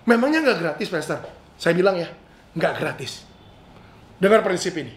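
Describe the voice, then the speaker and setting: Man, pastor, high voice, animated storytelling sermon, echoey church hall. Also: normal speed.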